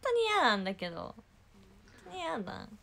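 A woman's voice: sits high, huge pitch swings, gravelly, a bit bright. A young woman from Kumamoto chatting playfully and teasingly on a livestream from home. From Kumamoto, Japan. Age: young adult. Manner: playful, teasing, quick to laugh. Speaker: idol livestreamer. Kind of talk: casual livestream chat.

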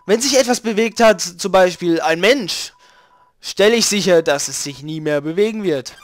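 A man's voice: high voice, moderate pace, dry recording, close to an everyday voice. A man doing a jumpy guard dog. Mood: suspicious. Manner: startled, suspicious, repeating words. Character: jumpy male guard dog who only sees movement.

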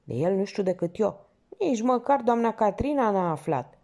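A woman's voice: medium pitch, very animated, mellow, voice pushed up. A woman voicing a fawning, gossipy older male theater porter in a novel she reads aloud. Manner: obsequious, gossipy, exclaiming.

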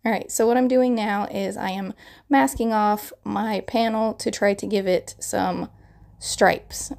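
A woman's voice: mid-range voice, vocal fry, a little mellow. A woman in her thirties with a crackly morning voice, chattily narrating a card-making tutorial voiceover and explaining each step.

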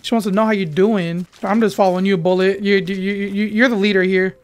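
A man doing casual, loud, joking let's-play commentary as a gaming YouTuber, swearing freely. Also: high voice, flat delivery, fairly quick, clean tone.

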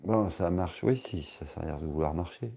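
A man's voice: low voice, moderate pace, vocal fry, warm tone, breathy edge. A man chatting casually on a live stream, answering his chat in a rambling, joking way with many hesitations.

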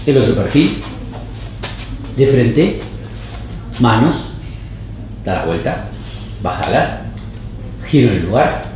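A man directing actors on a casting tape with short, calm, even commands. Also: medium pitch, slow pace, long pauses, slight background noise. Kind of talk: giving short camera directions. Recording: roomy echoey studio.

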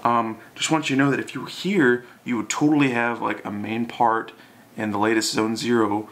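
A man's voice: medium pitch, steady tone, normal speed, fairly bright tone. A young man in casual, drunken, loosely rambling chat to a camera, as in a video message to a friend. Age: young adult. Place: small bedroom, indoors.

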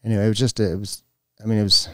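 Give me a low, dark-voiced man recounting his past in a halting way, close and dry. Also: flat delivery, no room sound. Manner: halting, with many restarts and fillers. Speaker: guest. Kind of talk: personal storytelling. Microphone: podcast mic.

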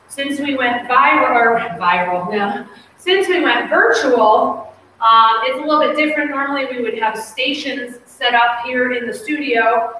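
A woman coach leads a workout with clipped, encouraging cues as she moves. Her voice is high and bright. She is recorded from across a very reverberant indoor studio. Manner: cueing while exercising, clipped encouraging commands. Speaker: fitness coach. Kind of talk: workout instruction. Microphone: far camera across the room. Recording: echoey gym from far off, noisy.

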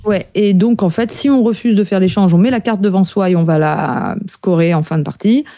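A woman's voice: mid-range voice, fairly quick, mellow, dry recording, clean studio sound. A woman co-hosting a casual podcast chat about board game news, talking freely with many hesitant fillers. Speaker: podcast co-host.

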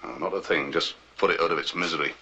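Gruff village vet, gravelly, brushes people off, muffled old film sound w hiss. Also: male voice, extremely low pitch, fairly even intonation, fast, pushed and bright, exaggerated voice. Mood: curt. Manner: curt, dismissive. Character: brusque stern male country vet, middle-aged. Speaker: veterinarian. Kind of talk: 1960s film dialogue.

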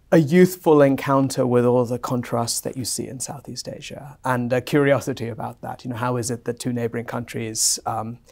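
A middle-aged man from Singapore, a guest historian answering at length in a measured, fluent way in a bright office lounge. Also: mid-range voice. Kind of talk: academic conversation.

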